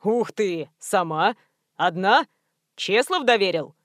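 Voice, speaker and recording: A woman's voice: medium pitch, animated, slow pace, no echo, clean studio sound. Woman playing a flippant, clowning male hacker. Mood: mocking, playful. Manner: theatrical, mocking exclamations. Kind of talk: audiobook character voice.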